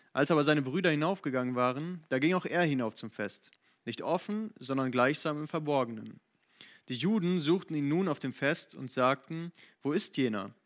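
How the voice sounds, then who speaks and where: A man reading scripture aloud in a steady voice, now and then correcting himself. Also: mid-range voice. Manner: steady, with occasional self-corrections. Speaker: Bible reader.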